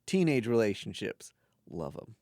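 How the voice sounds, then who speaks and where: A man's voice: lowish voice, very animated, normal speed, a little mellow, no room sound, studio quality. A man co-hosting a comic book podcast, jokey and offhand in casual chat. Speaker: podcast co-host.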